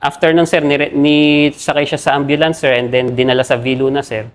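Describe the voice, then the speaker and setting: A young Filipino man, an army captain, recounting combat in an interview in a halting, deferential way and saying "sir" after nearly every phrase. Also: fairly high pitch, level tone, smooth. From Philippines.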